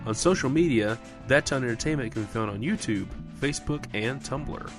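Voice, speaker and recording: A man's voice: mid-range voice, lively intonation, a little fast. A man reading closing credits with dry, wry asides. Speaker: credits reader. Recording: music bed underneath. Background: guitar music.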